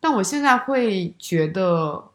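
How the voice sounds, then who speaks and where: A woman's voice: medium pitch, expressive, slow pace. A woman co-hosting a podcast, chatting casually and reflectively, thinking aloud with lots of fillers. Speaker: podcast co-host. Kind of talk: casual chat. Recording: roomy home recording.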